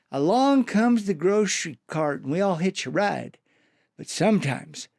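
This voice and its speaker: A man reciting folksy cowboy poetry in an animated way, with a cowboy drawl and rustic dialect. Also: sits high, dry recording, clean studio sound. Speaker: cowboy poet, storyteller.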